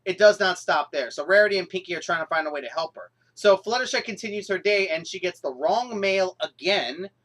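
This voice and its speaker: Reviewing a cartoon episode, a young female vlogger launches into an animated, exasperated rant punctuated by sudden outbursts. She speaks on the low side, briskly and with few pauses.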